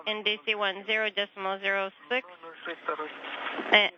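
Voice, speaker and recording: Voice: mid-range voice, moderate pace. Clipped callouts over a crackly space radio. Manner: clipped, reads numbers flatly. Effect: space-to-ground radio transmission. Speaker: crew member reading suit pressures. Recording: muffled radio link with loud static.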